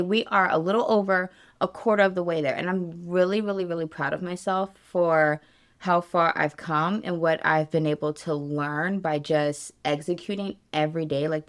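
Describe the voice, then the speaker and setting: A woman in her thirties vlogs to camera with candid, emotional energy, her voice sitting a little low. She gets animated and sometimes drops to a hushed tone when she talks herself down. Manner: animated and emotional, self-soothing in hushed tones. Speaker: vlogger and business coach. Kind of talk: candid casual vlog.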